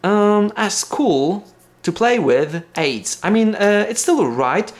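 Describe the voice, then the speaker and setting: A Polish man, a native Polish speaker with a Polish accent, chats casually in an unboxing vlog. His speech is halting, full of fillers and restarts, and his voice sits high with a sing-song lilt.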